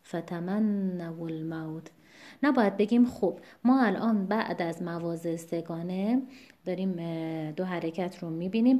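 A woman teaching Quran recitation in a patient, explanatory lecture, slowing down to demonstrate each example. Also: medium pitch, dark tone. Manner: politely formal greetings. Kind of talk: online lesson lecture.

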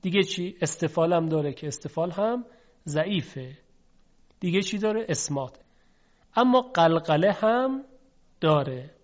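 A man's voice: high-pitched, animated, long pauses. A male teacher giving a recitation lesson, patiently explaining and sounding out letters to demonstrate. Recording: dull lo-fi recording.

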